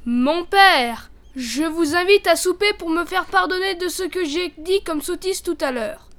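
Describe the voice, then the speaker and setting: A woman's voice: very high voice, measured pace, a bit bright, pitched above the performer's own voice. A woman voicing a scheming peasant man in a storybook reading, speaking with a falsely sweet, honeyed tone.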